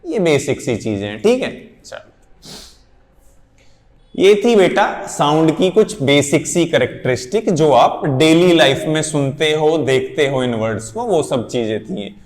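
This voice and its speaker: A man's voice: fairly high pitch, animated, measured pace, darkish tone. A man teaching physics, patiently explaining and calling students "beta". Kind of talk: classroom lecture. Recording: echoey room with long reverb.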